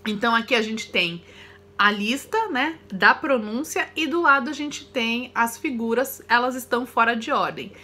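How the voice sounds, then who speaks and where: A woman's voice: fairly high pitch, bright, forceful tone. A woman with a Brazilian Portuguese accent teaching English vocabulary and pronunciation, drilling words one at a time and repeating examples. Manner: slow, careful word-by-word drilling with repeated examples. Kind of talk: recorded online lesson.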